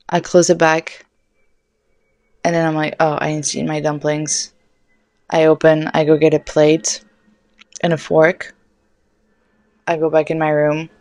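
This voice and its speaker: A young woman host spins a loose, animated story, full of swears and "like". Her voice sits low for a woman. The sound is dry, with no room around it. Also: no echo. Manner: rambling, animated, swears often, fillers like "like". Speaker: podcast host. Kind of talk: casual storytelling monologue.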